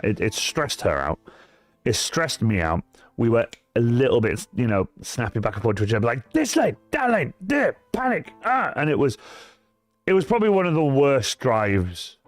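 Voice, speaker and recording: A man from the countryside, chatting on a livestream and telling a story in a rant full of swearing. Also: lowish voice. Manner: animated, swearing storyteller ranting to chat. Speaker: cosplay livestreamer. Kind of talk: casual livestream chat.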